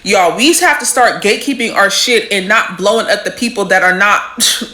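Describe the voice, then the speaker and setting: A woman's voice: mid-range voice, normal speed, pushed and bright, roomy sound. A woman giving a blunt, frustrated opinion rant.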